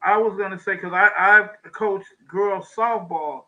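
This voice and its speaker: High, bright-voiced male talk show host. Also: steady tone, muffled recording. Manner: halting, repeats words, laughs often. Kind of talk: interviewing a guest over video call.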